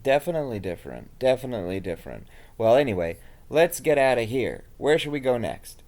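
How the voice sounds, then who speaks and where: A man's voice: mid-range voice, sing-song, fairly quick, a little mellow. A man talking casually in an improvised role-play, blunt and offhand, with a dismissive streak.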